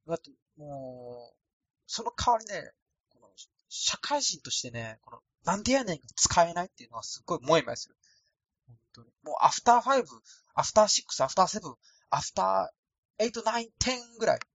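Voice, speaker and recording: Solo podcaster from Osaka, male, thin husky voice, lively pitch, dry close recording. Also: a little fast. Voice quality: thin, light voice. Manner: rambling, self-deprecating and casual. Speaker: podcast host. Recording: dry, no added echo.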